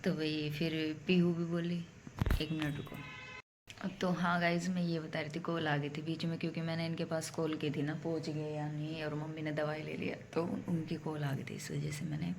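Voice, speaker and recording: A woman's voice: deep voice, normal speed, noisy background. A young woman vlogger casually telling a story at home to her viewers, chatty and direct. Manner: chatty, addresses viewers as bhai.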